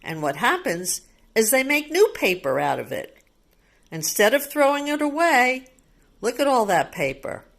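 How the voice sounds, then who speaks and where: Sing-song and a bit slow, this woman's slightly high voice is creaky and somewhat bright. She's reading a picture book to young children like a teacher, using simple child-directed explanations with repeated words, small questions and asides.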